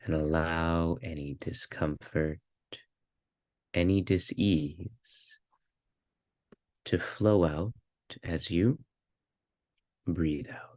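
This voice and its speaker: In this guided meditation, a low-voiced man gives spoken instructions extremely slowly. His calm, measured phrases are short, with pauses left between them, and the audio is close and dry with no room echo.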